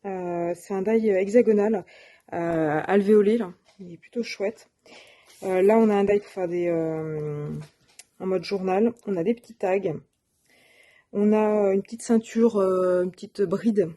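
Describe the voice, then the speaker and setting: In a mellow, medium-pitched voice at a measured pace, a woman walks through her craft supply shopping haul. The show-and-tell is laid-back and hesitant, full of fillers and second attempts at phrasing.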